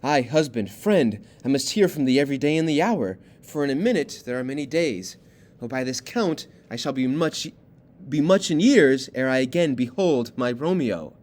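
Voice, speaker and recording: A lovesick young noble girl speaking old verse, as a man reads her lines aloud. The reading is plain and unhurried, with a lively rise and fall. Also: mid-range voice, lightly acted. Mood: tender.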